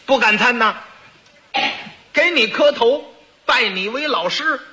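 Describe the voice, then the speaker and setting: A man's voice: extremely high pitch, lively intonation, slow, sharp tone, a little hiss or hum, pitched above the performer's own voice, exaggerated voice. A man voicing a stubborn senior minister who speaks in brash, emphatic bursts. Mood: defiant.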